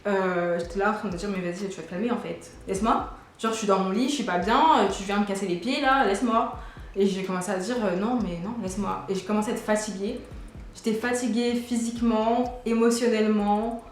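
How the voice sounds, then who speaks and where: A woman's voice: medium pitch, steady tone, a little fast. Chatty young woman in an echoey room. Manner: chatty, many fillers and restarts. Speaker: vlogger. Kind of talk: casual storytime. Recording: very echoey room with faint noise.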